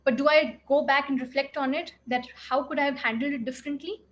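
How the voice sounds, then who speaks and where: High-voiced woman lecturing. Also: fast, lo-fi sound. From India. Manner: earnest, heavy use of "you know" fillers. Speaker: clinical psychologist giving an expert talk. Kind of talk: reflective expert talk.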